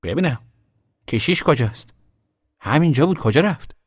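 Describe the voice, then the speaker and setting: A man playing a steady young man, friendly and coaxing, somewhat raised voice. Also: fairly high pitch, breathy edge, dry recording, clean studio sound, voice pushed up. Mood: curious. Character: steady young man, warm toward family.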